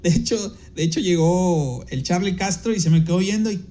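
With a mellow, high-sitting voice at normal speed, this Mexican DJ and podcast host rambles through a casual anecdote. He uses lots of fillers, restarts often, and puts on more animated voices whenever he quotes someone.

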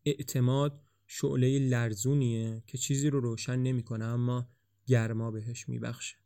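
Calm, mysterious doctor in a storybook reading, voiced by a man; gentle and thoughtful. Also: medium pitch, dry recording, clean studio sound, lightly acted. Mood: calm, reflective. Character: calm, mysterious doctor who sees off the dying. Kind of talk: audiobook dialogue reading.

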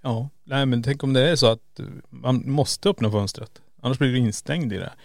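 A man with a gravelly, fry-tinged voice co-hosts a casual podcast chat. He muses out loud and poses rhetorical questions. The sound is dry and close. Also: mid-range voice, no room sound. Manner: musing, asks rhetorical questions. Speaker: podcast co-host. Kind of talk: casual conversation.

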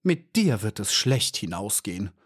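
A man's voice: on the low side, very animated, normal speed, husky. A man voicing a stern, fussy old female bee who lectures and sighs, in a storybook reading. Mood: lecturing. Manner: scolding, sighing, lecturing.

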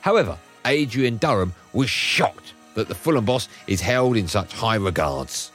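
A man's voice: lowish voice, normal speed, soft background music. A man presenting scripted links between clips in a playful manner. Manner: playful, lively intros. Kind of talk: scripted link narration.

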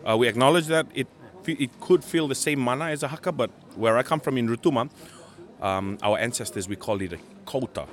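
A man from Fiji, giving earnest interview answers and pausing to search for words. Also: medium pitch. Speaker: Pacific island campaigner interviewed at a meeting.

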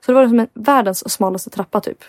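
A woman's voice: on the high side, no room sound. A young woman co-hosting a casual podcast, telling a story with lots of filler words and acting out what people said. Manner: animated storytelling, heavy filler words, acts out quotes. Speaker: podcast co-host.

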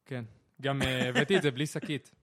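A man's voice: mid-range voice, fairly even intonation, fairly bright tone. A young man co-hosting a podcast, talking casually and reading messages aloud while chuckling. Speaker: podcast co-host. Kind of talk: casual chat.

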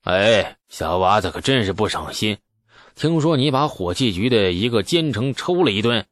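A man voicing an old, blustery Tang general who teases a young man in a gruff, mocking drawl. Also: fairly low pitch, very animated, moderate pace, no echo, clean studio sound. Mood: teasing.

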